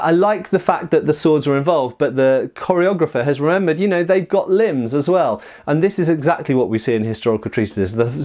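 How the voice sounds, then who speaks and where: Hosting a chatty review, this martial arts commentator speaks in a fairly high-pitched yet darkish voice. He breaks down techniques confidently, punctuating his strong views with emphatic asides.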